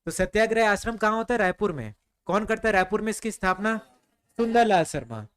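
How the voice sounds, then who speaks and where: A man with a high, expressive, smooth, fairly bright voice teaches a history class at a fast clip. He quizzes students and answers his own questions conversationally, often repeating "ठीक है."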